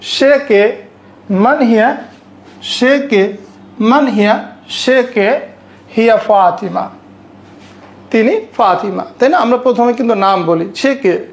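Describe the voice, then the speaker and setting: Bright-voiced woman teaching Arabic phrases. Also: a little high. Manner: repeats phrases slowly, checks understanding with "right?". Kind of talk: online language lesson.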